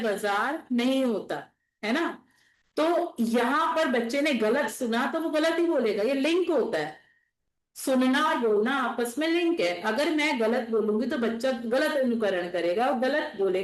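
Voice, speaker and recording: A woman teacher giving a classroom lecture, explaining patiently and checking in with her students often. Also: high-pitched. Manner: explains patiently, repeats and checks with "theek hai". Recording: echoey classroom.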